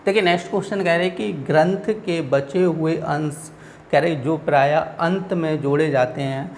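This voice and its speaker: A man's voice: fairly high pitch, moderate pace, creaky, slight background noise. A man teaching an exam-prep grammar lesson, explaining patiently, repeating each point and checking in with his students.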